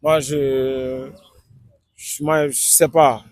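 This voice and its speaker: A man conducting a street interview who talks in a halting, hesitant way, often restarting his sentences. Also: mid-range voice, level tone, no room sound, studio quality. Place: outdoors on the street.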